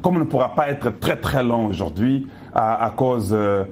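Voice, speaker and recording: At a medium pitch and normal speed, a man with a somewhat dark tone gives viewers an impassioned political speech, emphatic and full of pointed rhetorical questions. He's a political commentator from the Democratic Republic of the Congo with a Congolese French accent. Slight background noise can be heard.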